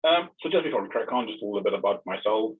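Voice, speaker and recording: A man in his thirties from Romania, giving an online tech presentation in a halting way, often repeating words before going on. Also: fairly low pitch, expressive, breathy edge. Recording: tinny, phone-like narrow audio.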